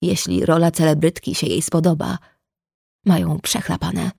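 A woman's voice: low-pitched, steady tone, moderate pace, gravelly, dark tone, breathy edge, no echo, clean studio sound. A woman reading a novel aloud as an audiobook narrator, voicing every character herself with small shifts of tone. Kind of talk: scripted narration.

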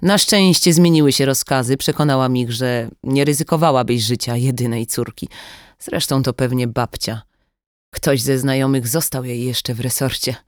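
A woman's voice: a bass voice, moderate pace, no room sound. A narrator voicing a cold female kidnapper who mocks with a falsely sweet tone, in a dry audiobook recording. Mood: mocking. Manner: icy, mocking, falsely sweet. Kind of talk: audiobook dialogue.

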